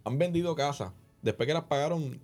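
A man's voice: on the high side, brisk, darkish tone. Puerto Rican man explaining with examples. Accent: Puerto Rican Spanish. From Puerto Rico. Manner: explains with worked examples, repeats words while thinking. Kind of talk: radio talk show discussion.

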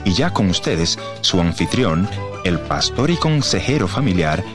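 A man giving a formal broadcast introduction of the host in a slow announcing delivery. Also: low voice, sing-song. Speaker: program announcer. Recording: voice over loud music.

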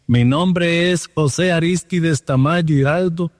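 A man's voice: a little high, slow pace, no echo, studio quality, in a large hall. Dominican man telling his story. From Dominican Republic. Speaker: guest. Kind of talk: testimony over the phone. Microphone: phone line.

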